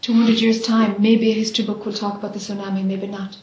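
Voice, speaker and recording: A woman's voice: medium pitch, little pitch movement, fast talker, a little mellow. A woman leading a spiritual question-and-answer dialogue, probing and often affirming. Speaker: spiritual discussion leader. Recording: echoey room.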